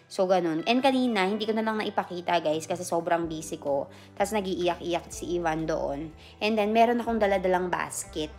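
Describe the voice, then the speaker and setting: A woman's voice: fairly low pitch, moderate pace, darkish tone, faint music behind. A woman vlogger casually explaining a family custom, chatty, with fillers and self-corrections. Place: busy event hall with a crowd and music.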